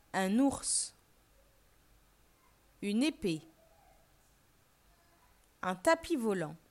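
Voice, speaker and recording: A woman teacher reading a fairy tale aloud for learners, then asking questions and reading a vocabulary list. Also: medium pitch. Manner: clear, deliberate, expressive reading. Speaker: French teacher. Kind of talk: slow storybook narration and vocabulary lesson.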